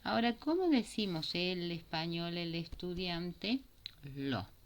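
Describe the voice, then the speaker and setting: Slow, low-voiced woman teaching Italian. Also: lively intonation. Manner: slow, explanatory, mixing Italian and Spanish. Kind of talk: recorded grammar lesson for Spanish speakers.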